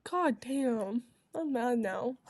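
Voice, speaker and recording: Woman, high voice, swooping intonation, casual banter, livestream co-host. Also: expressive, takes it slowly, a crowd in the background.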